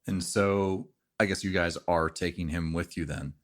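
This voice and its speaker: Very deep-voiced man running a game. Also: fairly even intonation, moderate pace. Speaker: game master. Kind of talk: casual tabletop game narration.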